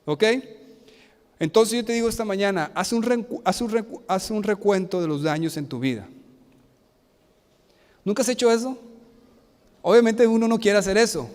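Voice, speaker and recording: A man preaching a sermon as pastor, animated and asking the congregation frequent rhetorical questions. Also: high voice, clean tone, long reverb tail. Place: church sanctuary.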